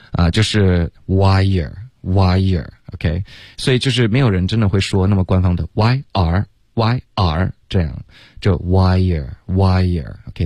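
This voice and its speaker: A man co-hosting a relaxed radio English lesson, chatting, laughing and modelling English phrases slowly. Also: fairly low pitch, dry recording, clean studio sound. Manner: relaxed, laughs often, switches into English examples. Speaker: English teacher.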